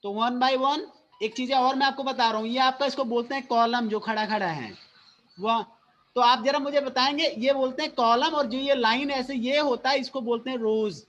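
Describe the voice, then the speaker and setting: A man's voice: very high-pitched, moderate pace, fairly bright tone, lo-fi sound, a little hiss or hum. A male school teacher giving an online phonics lesson, mixing Hindi and English, patiently repeating and quizzing his students.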